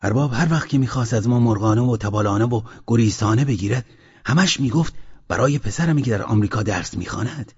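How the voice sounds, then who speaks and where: A man's voice: medium pitch, darkish tone, breathy edge. A man voicing a poor village father who talks in a raised, urgent voice. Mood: hopeful. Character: poor village father, hopeful then bitter. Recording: dull lo-fi audiobook recording.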